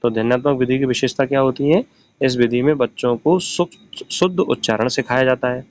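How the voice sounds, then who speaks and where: A man's voice: medium pitch, fairly quick, no echo. A man teaching an exam-prep lesson. He poses a question, answers it himself, and restates each point in simpler words. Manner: explains each point, then asks and answers his own questions. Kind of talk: recorded classroom-style lecture. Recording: slightly dull, lo-fi audio.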